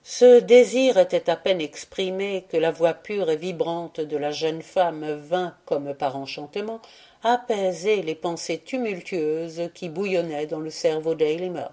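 A woman reading a classic tale aloud as an audiobook narrator, with steady, measured storytelling. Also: fairly low pitch. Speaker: audiobook reader.

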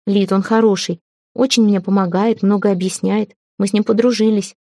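A woman reading the part of a gentle young woman in love, speaking softly and pleading near tears. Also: mid-range voice, steady tone, moderate pace, no echo, studio quality, natural voice.

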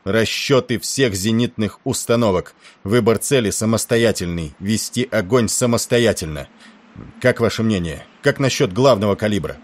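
A man reading the part of a composed ship's captain who gives measured orders. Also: lowish voice, close to an everyday voice. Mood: commanding. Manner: calm, measured, commanding.

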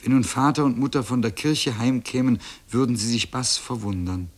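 A man reading a children's book aloud as narrator, calm and measured. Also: medium pitch.

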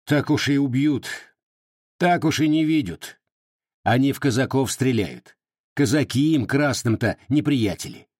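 A man voicing a sly, nosy old village widow in an audiobook, with folksy, mocking peasant speech and a husky tone. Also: mid-range voice, unhurried, darkish tone, no room sound, clean studio sound, pitched above the performer's own voice. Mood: scolding mockery. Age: over 60.

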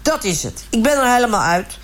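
A woman's voice: fairly high pitch, sing-song, a little fast. A woman voicing a chatty, self-righteous middle-aged village man who rambles indignantly in a comic radio sketch. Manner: rambling, indignant, repeats "hartstikke" and "gewoon".

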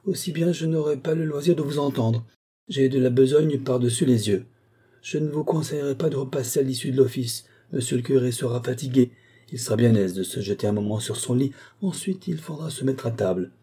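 A man reading an audiobook voices a fussy, hurried young abbé. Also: mid-range voice, mellow, breathy edge, voice pushed up. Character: jolly young abbé, brisk and self-important.

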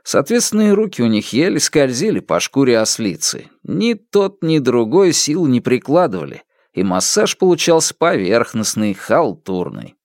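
Expressive male audiobook narrator. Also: mid-range voice, moderate pace, few pauses, dry recording, studio quality. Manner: expressive storytelling.

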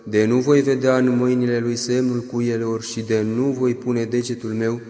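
A man's voice: medium pitch, level tone, dark tone, big-room sound, close to an everyday voice. A male reader voicing an insistent, doubting adult male disciple in a solemn liturgical reading. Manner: solemn, measured.

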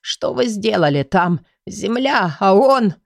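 A woman voicing a panicked, stubborn grey-haired male investigator who shouts and mutters frantically. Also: high voice, lively intonation, takes it slowly, creaky, dry recording, clean studio sound, full character voice. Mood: frantic.

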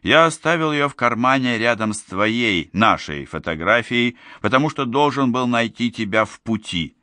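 A man's voice: medium pitch, lively intonation, moderate pace, bright, forceful tone, no echo. Man voicing an earnest, insistent young man.

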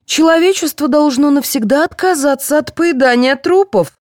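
A woman's voice: high-pitched, moderate pace, darkish tone, no echo, studio quality, pitched above the performer's own voice, natural voice. A woman voicing a preachy female dentist who lectures about healthy eating in an audiobook.

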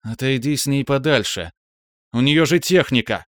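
A man's voice: mid-range voice, expressive, normal speed, no echo, studio quality, pitched above the performer's own voice, close to an everyday voice. A man voicing a scheming young female assassin who gives nervous, impatient commands in an audiobook. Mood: cold. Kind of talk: audiobook character voice.

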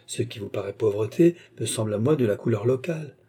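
A man reading aloud, voicing a cheerful, teasing male painter in a husky, dark voice. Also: on the low side, lively intonation, quick pace. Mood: amused. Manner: breezy, teasing.

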